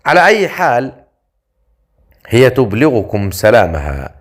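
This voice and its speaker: A man voicing a stern, confident male leader in an audiobook story, with a dry, measured delivery. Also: mid-range voice, huge pitch swings. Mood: teasing. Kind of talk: audiobook character voice.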